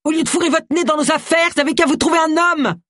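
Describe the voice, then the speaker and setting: The audiobook narrator voicing a frail, downtrodden rural wife who lashes out in a shrill, very high voice. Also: steady tone, quick pace, fairly bright tone, dry recording, studio quality. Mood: shrieking. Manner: shrill, shrieking outbursts. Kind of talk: audiobook character voice.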